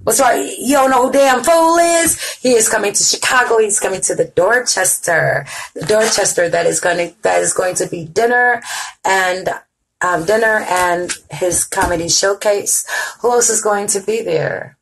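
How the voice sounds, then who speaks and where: A woman's voice: medium pitch, normal speed, vocal fry, slight background noise, rough recording. A middle-aged woman hosting an online music show, chatting playfully with listeners and singing along now and then. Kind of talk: casual live-stream chat.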